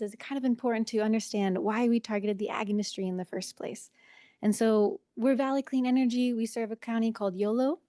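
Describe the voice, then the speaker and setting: Nervous woman presenter, high soft-toned voice. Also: dry recording, clean studio sound. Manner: nervous, self-conscious first-time presenter. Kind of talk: conference presentation.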